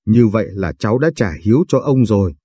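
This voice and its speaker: A man voicing a frail, dying old grandfather in a storybook reading, weary and gently teasing. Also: on the low side, lively intonation, a little fast, breathy edge, no room sound. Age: older.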